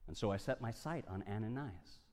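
A man performing a first-person dramatic monologue, swinging from hushed lines to loud bursts. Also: lowish voice, lively intonation, brisk. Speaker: storyteller. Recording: long hall reverb.

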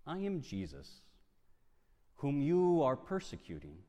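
A man voicing a solemn divine male voice speaking from a bright light. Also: medium pitch, huge pitch swings, slow, lo-fi sound. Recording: long hall reverb.

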